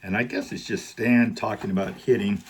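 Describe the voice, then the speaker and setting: A middle-aged man vlogging about collectibles, relaxed and joking, sometimes talking while chewing candy. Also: lowish voice, normal speed, a little hiss or hum. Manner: relaxed, joking, rambling with fillers. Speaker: card collecting YouTuber. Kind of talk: casual vlog, showing gifts to camera.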